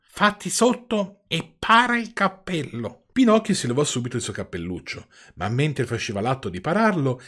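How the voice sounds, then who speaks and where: A man reading a classic children's story aloud, expressive and animated. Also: on the low side, breathy edge. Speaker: narrator, reader.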